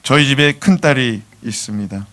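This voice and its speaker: A middle-aged man, a pastor, preaching a sermon in a church with emotive swings from soft to loud. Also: medium pitch, normal speed. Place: church sanctuary.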